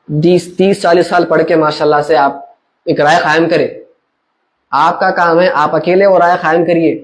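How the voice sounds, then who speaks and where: A man's voice: on the high side, rough recording. A man giving a conversational religious lesson, explaining with everyday examples and checking that his listeners follow. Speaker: religious teacher.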